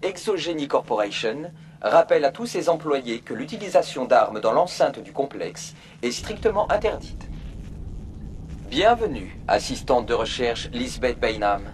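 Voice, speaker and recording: A man plays the video game's polite, unfeeling virtual assistant program for a French dub, delivering a formal information readout with impassive, procedural correctness. He speaks a little slowly in a mid-range voice that is very animated, over a slight hiss or hum.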